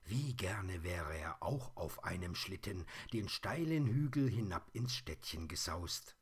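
A man reading a children's storybook aloud in a calm, soft, unhurried manner. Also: low voice, slightly rough.

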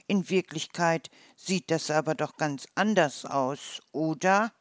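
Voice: medium pitch, slow pace, no room sound, natural voice. A storyteller voicing a small, curious, naive hedgehog who asks wondering questions.

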